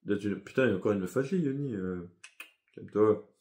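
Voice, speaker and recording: A man's voice: on the low side, very fast, darkish tone. A young man telling a story in a casual vlog, rambling and slangy, with lots of fillers and self-corrections. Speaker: vlogger.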